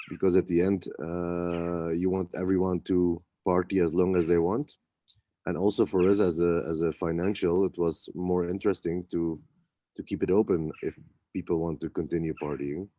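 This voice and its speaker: A man, a club promoter, answering interview questions in a relaxed way with many pauses and restarts. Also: sits low. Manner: hesitant, many fillers and restarts. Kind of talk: casual interview talk.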